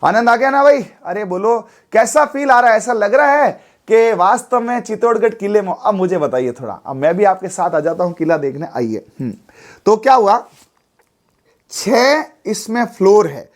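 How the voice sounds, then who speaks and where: A man teaching an exam-prep lecture, animated and talkative, often asking his listeners questions and mixing in English words. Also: high-pitched, moderate pace. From Rajasthan. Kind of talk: classroom lecture.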